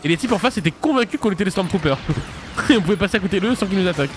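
A man streaming a video game live, chatting casually with viewers and reacting loudly as he plays, laughing often. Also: sits high, animated, rapid-fire, noisy background. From France. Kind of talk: casual live gameplay commentary.

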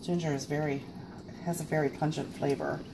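A woman in her forties hosts an informal home cooking show, recorded on her kitchen's camera mic over a noisy background. Her low voice is brisk with fairly even intonation, and she's chatty, self-deprecating, and heavy on fillers.

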